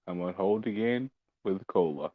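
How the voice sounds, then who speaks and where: A man putting on a calm male newscaster voice, speaking low, slow and measured over lo-fi call audio. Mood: mock formal. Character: calm adult male newscaster announcing a hold.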